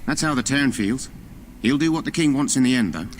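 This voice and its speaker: An actor playing a chatty, gossiping soldier guarding a tent in a video game. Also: male voice, mid-range voice, lively intonation, fairly quick, slight background noise, natural voice. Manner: conspiratorial, chatty. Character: gossipy adult male camp guard, loyal soldier.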